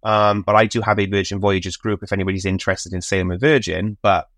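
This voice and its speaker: A man's voice: on the low side, steady tone, fast talker, a bit bright, no echo, studio quality. A man hosting a podcast, chatting casually and rambling with frequent fillers and restarts. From United Kingdom. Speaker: podcast host and cruise travel agent.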